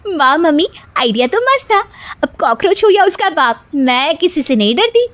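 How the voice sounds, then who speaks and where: A woman's voice: extremely high pitch, sing-song, normal speed, fairly bright tone, heavily acted. A woman voicing a timid yet cheeky young Indian daughter-in-law in a cartoon story, with whiny, pert back-talk. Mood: confident. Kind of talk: Hindi cartoon story voice acting.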